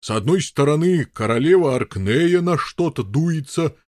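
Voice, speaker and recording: A man's voice: on the high side, animated, normal speed, darkish tone, no echo, studio quality, pitched above the performer's own voice, natural voice. A man voicing a stolid, fussy knight who talks ponderously and fumbles for words. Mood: musing. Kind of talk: audiobook character voice.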